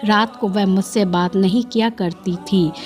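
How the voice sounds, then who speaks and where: A woman storyteller reading a first-person tale at a slow, measured pace, her voice sitting in a middle pitch. Faint music plays under the narration. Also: steady tone, a little mellow. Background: faint background music.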